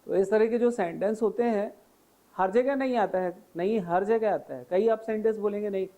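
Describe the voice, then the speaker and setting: A man teaching English grammar in Hindi with an Indian accent, explaining patiently through many repeated examples and slowing down on English phrases. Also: sits high, warm tone, poor audio.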